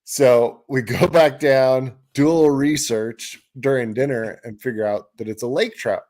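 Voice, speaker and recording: Co-hosting a fishing podcast, a man with a medium-pitched voice tells a story at a moderate pace. He keeps it casual and animated, acting out people's quotes and laughing while he talks.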